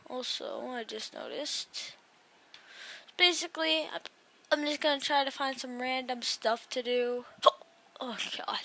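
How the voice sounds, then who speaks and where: Sleepy young woman w hiccups chatting over her game, slow, bright high voice, kinda rambly. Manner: rambling, trailing off and restarting. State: tired, with hiccups and yawning. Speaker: gaming YouTuber. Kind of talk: casual gameplay commentary.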